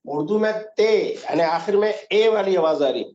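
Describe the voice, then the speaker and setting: A high-voiced man teaching an online class, who patiently asks questions and repeats each example. The call audio sounds roomy and dull. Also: a little mellow. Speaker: Quran recitation teacher. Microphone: video call.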